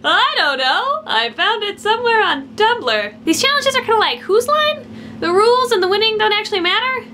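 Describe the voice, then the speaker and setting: A woman's voice: very high-pitched, big pitch swings, normal speed, bright, forceful tone, a little hiss or hum. A woman hosting a mock game show with a dry, sarcastic announcer delivery. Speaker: host. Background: background music.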